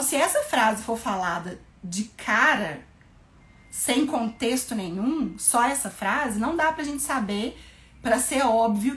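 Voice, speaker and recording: A woman English teacher in a casual lesson, spelling out words and slowing down for English examples. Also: fairly high pitch, a bit bright. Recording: echoey room.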